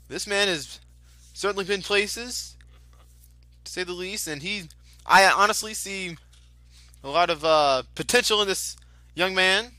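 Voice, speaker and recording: A man giving ad-libbed lucha libre match commentary in the manner of an excitable wrestling announcer. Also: high voice, no room sound. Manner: excitable announcer, exclaiming at moves.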